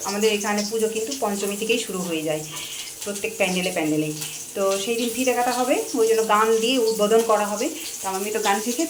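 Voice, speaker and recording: A middle-aged woman, chatting casually to her phone camera as she cooks at home. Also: mid-range voice. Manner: chatty, running commentary while cooking. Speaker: vlogger, mother cooking at home. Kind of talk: casual home cooking vlog. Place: home kitchen, indoors. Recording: echoey kitchen with faint frying noise.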